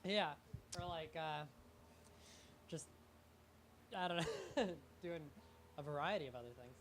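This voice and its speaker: A young man chats as a comedy guest on a live show. He talks in halting, rambling bursts and pokes fun at himself, with faint ambience in the background. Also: on the high side, animated, a bit bright, a little hiss or hum. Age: young adult. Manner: halting, rambling, self-deprecating. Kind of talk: live talk-show interview.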